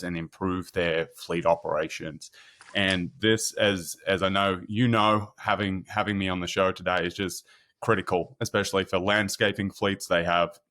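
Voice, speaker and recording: A man in his thirties with an Australian accent speaks in a low, slightly bright voice. He's a product marketing manager appearing as a guest on a casual podcast interview, chatting in a friendly way and often repeating words as he starts a thought.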